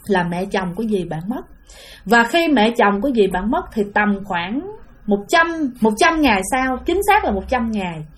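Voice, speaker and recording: A woman with a Southern Vietnamese accent tells a ghost story in a chatty way, often speaking directly to her listeners. Her voice is fairly high in pitch.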